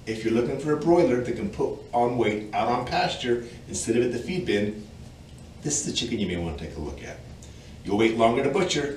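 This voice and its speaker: A man's voice: mid-range voice, darkish tone, a little hiss or hum. A man in his forties, host of a hobby farm channel, giving a scripted, matter-of-fact explainer straight to camera. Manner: clear, informative and matter-of-fact. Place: outdoors in front of a wooden barn door. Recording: roomy, distant outdoor recording with faint ambience.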